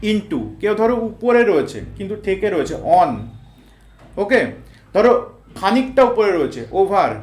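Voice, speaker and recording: A man teaching English grammar, explaining each point step by step with everyday examples and talking straight to his students. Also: high-pitched. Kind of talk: explanatory lesson. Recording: echoey room.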